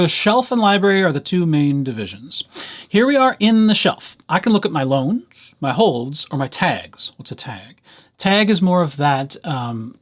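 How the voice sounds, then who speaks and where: A man with a medium-pitched voice walks library users through an informal screencast tutorial. He explains each step playfully and conversationally, tossing in little asides.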